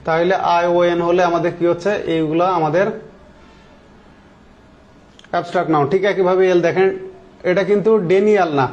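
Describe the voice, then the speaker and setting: A male teacher with a high voice explains word forms to his class step by step. He stops often to put questions to the students. The recording sounds dull and lo-fi. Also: fairly even intonation, a little fast, pauses often. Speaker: English teacher. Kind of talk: classroom grammar lesson.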